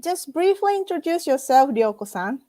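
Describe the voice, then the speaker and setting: A woman hosts a casual chat interview, her voice sitting a little high. She talks in a halting, friendly way, full of fillers and restarts. The sound is dry and close. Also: big pitch swings, mellow, no room sound. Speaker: host.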